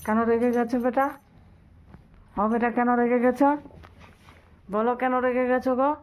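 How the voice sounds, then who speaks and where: A woman's voice: fairly high pitch, little pitch movement, normal speed. Coaxing mother talking to her toddler. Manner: coaxing, sing-song, repeats questions to the child. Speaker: mother filming her son. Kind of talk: casual home vlog talk to a toddler.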